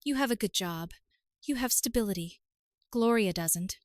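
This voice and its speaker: A woman's voice: mid-range voice, lively intonation, moderate pace, no echo, close to an everyday voice. A woman voicing a pushy middle-aged mother who sweet-talks and pleads with her son, in a dry recording. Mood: pleading.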